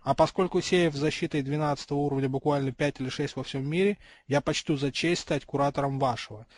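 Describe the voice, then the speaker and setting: Guy doing a sardonic goblin bank clerk, formal and polite, slightly high voice. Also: steady tone, fast, no room sound, studio quality, close to an everyday voice. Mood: courteous. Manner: polite, businesslike.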